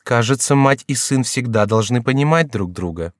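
A man's voice: mid-range voice, expressive, normal speed, no echo, clean studio sound, voice pushed up, natural voice. A man reading aloud, voicing a scheming aging queen mother who sounds tender while demanding obedience. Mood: pleading. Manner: falsely tender, imploring tone.

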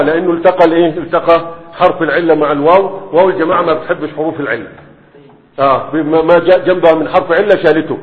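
A man with an Egyptian accent teaching a grammar lesson, explaining step by step and often checking that students follow. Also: a little high. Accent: Egyptian Arabic. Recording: tinny, echoey hall.

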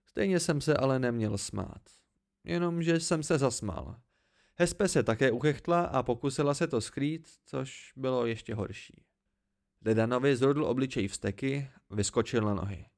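A man reading a novel aloud in calm first-person storytelling, an amateur audiobook narration. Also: medium pitch, vocal fry. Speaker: audiobook reader.

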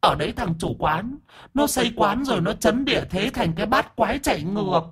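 A man voicing a camp, sharp-tongued bald male ghost in a breathy falsetto, whiny and pleading. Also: expressive, a little fast, heavily acted. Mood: whiny lament.

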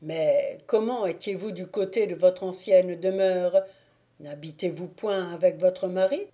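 A woman voicing a tormented young man who pleads in a low, heavy voice, in an audiobook. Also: a little slow, dark tone, close to an everyday voice. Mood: pleading. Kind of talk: audiobook character reading.

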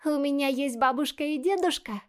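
A woman voicing an eager, curious little boy in an audiobook, asking bright, excited questions. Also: sits high, brisk, pitched above the performer's own voice. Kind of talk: audiobook character voice.

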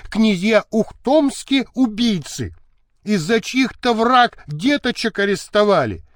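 A man's voice: mid-range voice, slow pace, mellow, slightly rough, dry recording, clean studio sound. A man reading an audiobook, voicing a distraught older noblewoman who wails and pleads for her arrested sons. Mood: frantic. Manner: wailing, pleading, repeating herself.

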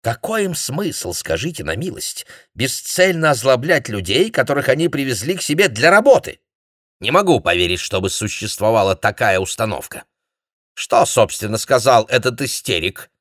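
A man's voice: mid-range voice, big pitch swings, moderate pace, a bit bright, no echo, studio quality, voice pushed up. A man voicing a bilious, pompous middle-aged male intellectual who speaks in a nagging tone. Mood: lecturing.

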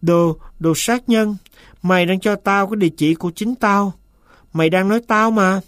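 Fretful master for an audiobook, shrill and hissing when crossed, read by a man, dry close sound. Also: normal speed, dry recording, natural voice. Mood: shrill, furious. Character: anxious, agitated man, master of a servant.

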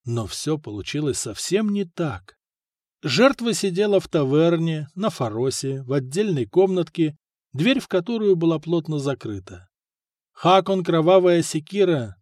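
A man narrating an audiobook in a measured storytelling manner. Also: on the high side, darkish tone, no room sound, studio quality. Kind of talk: scripted narration.

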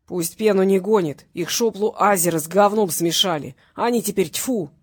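A woman voicing a crude, angry male gang boss who curses slowly over the phone, in an audiobook. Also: mid-range voice, husky, no room sound, studio quality, lightly acted. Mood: sullen. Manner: slow, cursing, snarling.

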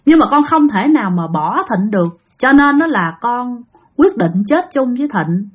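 A woman's voice: on the high side, very animated, normal speed, husky. A woman voicing the ghost of a drowned young man who earnestly begs his parents to forgive him. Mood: anguished. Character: drowned young man's ghost, devoted, apologetic.

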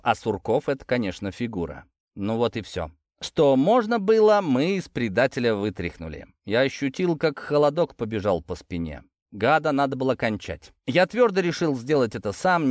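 A man reads a first-person story aloud with tense, dramatic delivery. His voice rises and falls in a very animated way. It is recorded close on a studio mic, completely dry. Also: mid-range voice, dry recording. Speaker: audiobook narrator. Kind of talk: first-person scripted narration.

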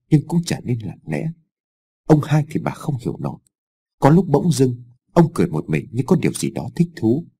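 A man narrating a story for an audiobook, in an expressive storytelling manner. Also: medium pitch, slightly rough.

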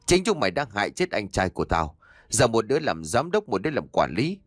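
A man voicing a cruel, vengeful young man in a ghost story, snarling insults in fast, harsh bursts. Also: on the low side, very animated, dry recording, studio quality. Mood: furious.

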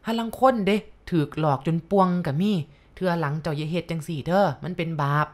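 A woman voicing a stern but kindly old male abbot, talking in a measured, scolding way. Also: sits low, lightly acted. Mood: explaining.

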